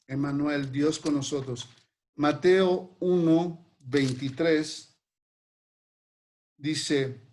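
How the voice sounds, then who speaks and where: Guy preaching a sermon, slow and careful, voice a bit on the high side. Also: a little mellow. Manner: slow and deliberate, lingering over names. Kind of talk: sermon with prayer.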